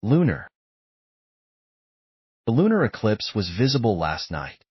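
A man reads vocabulary words and sample sentences at a very slow, deliberate pace. His voice is low and husky, yet his pitch moves in a lively way. The recording is dry and a little dull, lacking high end. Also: dry recording. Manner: measured, deliberate enunciation. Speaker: vocabulary reader. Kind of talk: slow scripted word-and-sentence reading.

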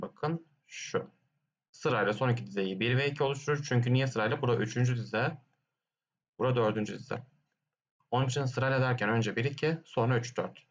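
Guy teaching, walks through exam questions step by step, medium voice, kinda dull lo-fi sound. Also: mid-range voice. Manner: explains step by step, asks himself questions and answers them; hums "dın dın dın" between points. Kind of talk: exam question walkthrough lesson.

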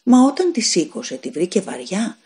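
A woman who reads audiobooks, narrating a fairy tale in an expressive storytelling way. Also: mid-range voice. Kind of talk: scripted narration.

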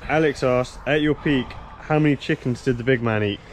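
Teasing young vlog host outdoors. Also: male voice, mid-range voice, brisk, slight background noise. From England. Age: young adult. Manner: teasing, laughs often. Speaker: vlog host asking questions. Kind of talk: casual vlog chat. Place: back garden gym outdoors. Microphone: handheld camera, selfie framing.

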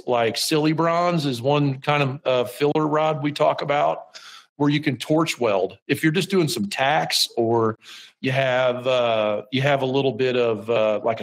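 A man's voice: medium pitch, low-quality recording. A middle-aged man hosting a podcast from his metal shop, explaining welding in a rambling, self-deprecating way with lots of ums and restarts. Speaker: podcast host. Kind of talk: casual how-to talk.

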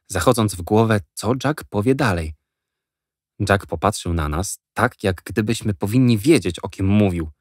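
Expressive male audiobook narrator, low voice. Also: dry recording, clean studio sound. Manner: measured, expressive storytelling. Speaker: audiobook reader. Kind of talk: scripted narration. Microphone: studio mic, close.

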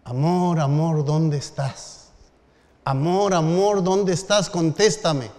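A man voicing a defiant skeptical middle-aged lawyer who shouts up to the heavens, in a sermon story. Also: medium pitch, steady tone, slow pace. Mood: shouting defiant. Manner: loud anguished calling out. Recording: long hall reverb.

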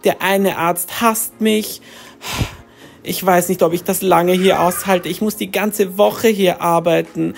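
A man's voice: high voice, fairly even intonation, slow, gravelly, exaggerated voice. Man voicing a timid teenage nurse intern girl. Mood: dejected. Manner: whiny, apologetic. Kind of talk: Toca Boca story voice acting.

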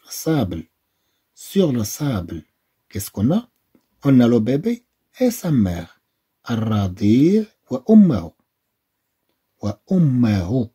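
A man's voice: mid-range voice, wildly swooping pitch, slow pace, pauses often, warm tone, breathy edge. A male teacher with a Moroccan accent leads a beginners' phonics lesson, spelling letters and then sounding out each syllable, repeating every one. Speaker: French teacher.

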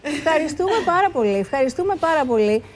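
A woman's voice: high voice, animated. A woman hosting a live television show, chatting playfully and teasing guests over a phone link. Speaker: studio host. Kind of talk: live TV street game by phone.

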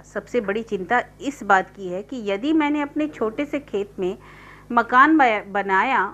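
A woman reading a literary short story aloud as audiobook narration, in steady first-person storytelling. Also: on the high side. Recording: dull lo-fi recording.

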